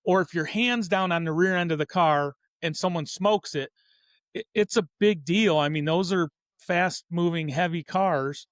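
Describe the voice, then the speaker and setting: High-pitched and speaking at normal speed, this fifties-aged host of a hobby racing show rambles earnestly through his casual opinions, fixing his own words as he goes. The recording is dry.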